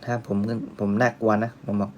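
A man hosting a live-selling stream, chatting casually in a calm, soft-spoken way and reading out viewer comments. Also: mid-range voice, a little fast, muffled recording, slight background noise.

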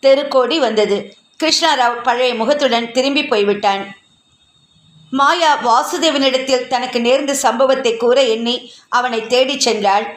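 A woman reading a novel aloud as a storyteller, steady and expressive, in an echoey room. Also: high voice, unhurried.

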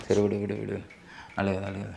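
A man's voice: on the low side, monotone, moderate pace, gravelly, crowd noise. A young man vlogger, casually teasing and then soothing his partner. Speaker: vlogger, husband in a couple channel. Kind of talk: casual chat.

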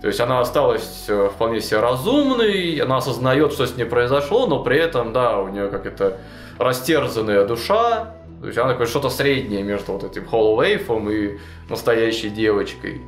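A young man in a suit jacket, a guest on the show, sits in a studio with a chalkboard wall and animatedly tells a long, casual story packed with fillers like "вот" and "ну." His voice is mid-range and moves at a normal speed. The roomy studio carries faint music in the background.

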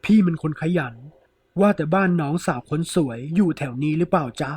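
A man's voice: on the high side, lively intonation, brisk, slightly rough. A man voicing a greedy, crude male thief who blusters and sweet-talks. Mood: sleazy, wheedling. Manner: loud, blustering, crude speech.

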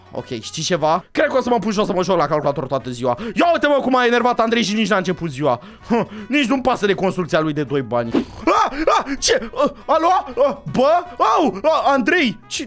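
A man narrating and acting out a Minecraft role-play in a high, sing-song voice that leaps up and down. He is excitable and jokey and often breaks into yells, with faint music playing underneath. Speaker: gaming channel host.

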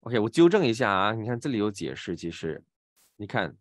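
A man with a fairly low voice and a Malaysian Mandarin accent teaches pronunciation in an online class. He explains patiently and stretches out each sample sound as he demonstrates it. His voice is close and dry, with no room sound around it. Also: sing-song, brisk, no echo. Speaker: voice acting teacher.

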